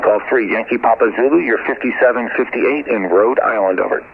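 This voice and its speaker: A man's voice: mid-range voice, fairly quick. A man working as an amateur radio operator, making a ham radio call and spelling call signs in the phonetic alphabet with many fillers. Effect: shortwave radio transmission. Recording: tinny radio band with faint static.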